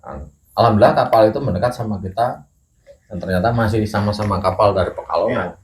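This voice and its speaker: A middle-aged man telling a ghost story in casual chat, measured and unhurried, clearing his throat now and then. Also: on the low side, darkish tone. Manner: measured storytelling with pauses and occasional coughs. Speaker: guest storyteller. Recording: echoey room with faint noise.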